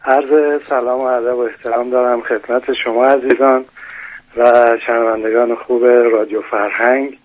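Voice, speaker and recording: A man's voice: medium pitch, little pitch movement. Courteous guy singer chatting on radio, kinda muffled lo-fi sound. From Iran. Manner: formal, deferential phrasing. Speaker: guest singer. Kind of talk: radio interview and live singing.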